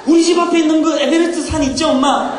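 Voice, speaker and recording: A man voicing an excited young male ant who breathlessly tells his mother about a miracle. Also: very high voice, fast talker, pitched above the performer's own voice. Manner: breathless, exclaiming, preacher-like. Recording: echoey hall with crowd noise. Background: audience laughter.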